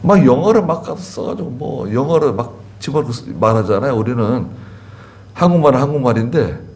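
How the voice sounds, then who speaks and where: A man's voice: mid-range voice, animated, brisk, darkish tone. A man pastor preaching a sermon in a conversational way, repeating key words and asking the congregation questions. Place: church sanctuary.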